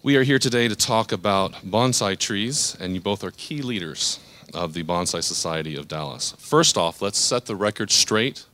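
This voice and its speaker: A man moderating a live interview on a theater stage, with a measured, announcer-like delivery. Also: fairly low pitch, bright, forceful tone.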